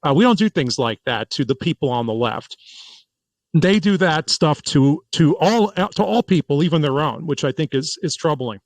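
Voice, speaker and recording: A man hosts a political talk show in an animated, chatty way, often stopping to restart and repeat his words. His voice sits fairly high for a man. The sound is dry and close, with no room around it. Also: moderate pace, dry recording, poor audio. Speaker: podcast host. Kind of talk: casual political commentary.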